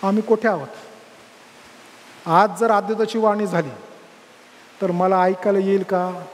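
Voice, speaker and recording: Pastor preaching fervently, really high voice, echoing church hall. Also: male voice, steady tone, measured pace, slight background noise. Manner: fervent preaching that climbs to loud calls. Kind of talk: sermon.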